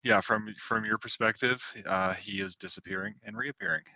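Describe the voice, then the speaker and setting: A man running a tabletop game as game master, relaxed and jokey. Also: on the low side, normal speed, vocal fry, dry recording, muffled recording.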